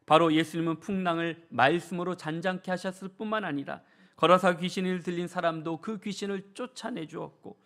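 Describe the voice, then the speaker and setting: Earnest preaching man, fairly high voice. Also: fairly even intonation, a little fast, few pauses. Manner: earnest preaching with many rhetorical questions; swings between soft and raised emphatic delivery. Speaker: pastor. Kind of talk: sermon. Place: church sanctuary.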